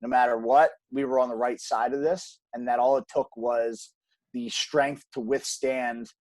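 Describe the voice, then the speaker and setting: A man's voice: medium pitch, fairly even intonation, moderate pace, a little mellow, no room sound. A man speaking earnestly as a podcast guest, emphatic, with frequent restarts and ums. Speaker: podcast guest, gym co-owner. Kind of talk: conversational interview.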